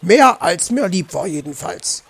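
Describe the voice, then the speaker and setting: A man's voice: high voice, very animated, unhurried, creaky, a bit bright, slightly rough, exaggerated voice. A man voicing a grumbling stingy fox uncle. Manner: grumbling, indignant. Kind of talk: children's audiobook.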